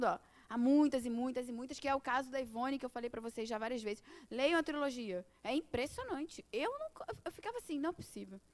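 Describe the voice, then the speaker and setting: High-voiced Brazilian woman teaching a class. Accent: Brazilian Portuguese. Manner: conversational, many rhetorical questions. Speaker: course teacher. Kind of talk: informal spiritual class talk.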